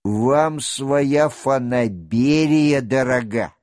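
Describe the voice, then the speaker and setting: A man's voice: medium pitch, very slow, a little mellow, no echo, clean studio sound. An adult man reading a book aloud and voicing an older, stern male cavalry staff-captain who reproaches a young officer bluntly. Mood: reproachful. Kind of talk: audiobook character reading.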